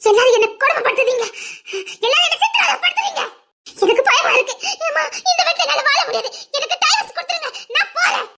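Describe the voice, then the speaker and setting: A woman's voice: extremely high pitch, animated, fast, pushed and bright, heavily acted. A young woman with a Tirunelveli Tamil accent playing a defiant wife, protesting tearfully and repeating herself. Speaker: young wife in a family drama. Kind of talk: family drama acting.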